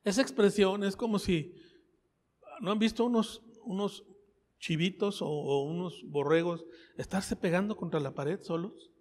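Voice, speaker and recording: This high-voiced preacher has a Mexican accent and a slightly mellow sound, speaking at a measured pace. In church, he tells his own testimony in a conversational sermon, repeating phrases and posing questions to listeners, with the hall echoing around him.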